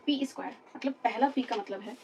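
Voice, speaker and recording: Distant, high-pitched woman teaching a lesson. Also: brisk, mellow, slight background noise. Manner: explains patiently, repeats terms and checks "ठीक है?". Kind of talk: classroom lecture.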